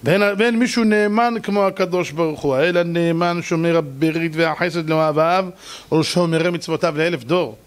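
A man, a rabbi, giving a lively sermon with stories and jokes, now and then rising almost to a shout. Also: on the high side. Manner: animated, rises to near-shouting on key points.

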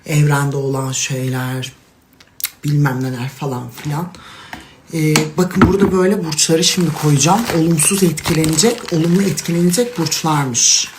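A woman's voice: sits low, fairly even intonation, moderate pace, noisy background. A woman talking to her followers in casual phone story clips, dramatic and gushing, calling them princesses and girls. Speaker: social media personality.

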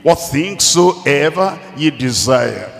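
A man preaching a sermon as pastor. He speaks slowly and emphatically, repeats phrases for emphasis, and leads call-and-response with the congregation. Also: on the high side, lively intonation, vocal fry, faint music behind. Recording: long hall reverb.

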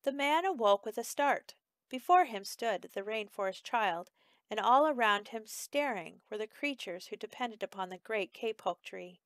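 A woman teacher reading a picture book aloud for her class, expressive and measured. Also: on the high side, no room sound. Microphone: close home recording.

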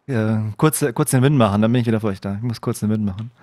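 Guy streaming a shooter, chatty and jumpy, yells when he gets a kill, mutters when sneaking, dry close mic. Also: on the low side, fast talker, dry recording. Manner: chatty, talks to viewers, bursts into excited shouts. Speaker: game streamer. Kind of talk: live gameplay commentary. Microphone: desk microphone.

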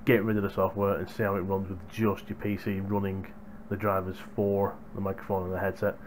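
Here the young adult sounds low-pitched and brisk, his delivery flat, with slight background noise. It's casual vlog talk to his viewers about hardware, captured on a gaming headset's boom mic in a small home room.

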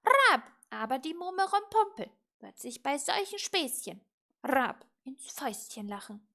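A woman voicing a stern male raven who scolds his witch companion and croaks between his words in a storybook reading. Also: high-pitched, sing-song, a little slow, bright, forceful tone, pitched above the performer's own voice, exaggerated voice. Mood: scolding.

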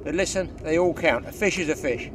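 Out at a lakeside, a man hosts a fishing show, chatting with viewers in a casual, instructive way. His voice is a little high and brisk, with background noise in the recording.

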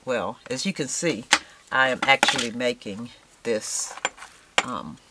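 Low-voiced sixty-year-old woman chatting. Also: slow pace, heavy background noise. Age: 60s. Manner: chatty, warm, frequent fillers and repeated "yes". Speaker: craft vlogger. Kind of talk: casual chat while crafting. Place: indoors at a cluttered craft table.

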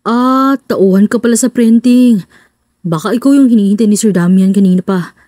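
A polite, matter-of-fact male security guard speaks in a lowered voice, as a woman narrator puts him on. The sound is mellow and dry, read close. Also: moderate pace, no room sound, close to an everyday voice.

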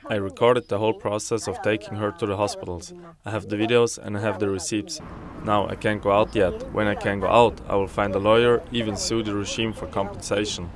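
A man giving interview testimony, his voice electronically distorted and deepened to hide his identity, speaking bluntly and accusingly. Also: steady tone, a little fast, a crowd in the background. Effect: voice distorted to disguise identity, deep. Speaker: interviewee, resident.

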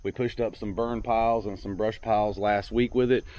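A man's voice: fairly low pitch, fairly even intonation, moderate pace, a little mellow, dry recording, highs cut off. A man, hosting a casual outdoor vlog on a farm field, filmed with a handheld camera at arm's length. He talks in an easygoing, rambling way and repeats himself. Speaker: channel host.

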